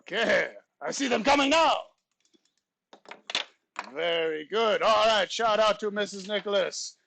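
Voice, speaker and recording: A man's voice: high-pitched, unhurried, gravelly, pushed and bright, slight background noise, heavily acted. A man teacher voicing a pompous French substitute teacher in a put-on, exaggerated French accent, reading class announcements in stiff, formal phrasing. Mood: theatrical. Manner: formal, stilted phrasing with theatrical flourishes. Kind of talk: comic class announcements in character.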